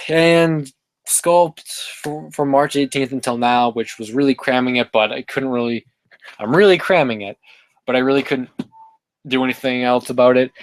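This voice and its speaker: Male streamer host, mid-pitched, loose and rambling with lots of fillers, dry close sound. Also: clean tone, no echo. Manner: rambling, many fillers and self-corrections. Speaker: livestream host reading chat. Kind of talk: casual live-stream chat.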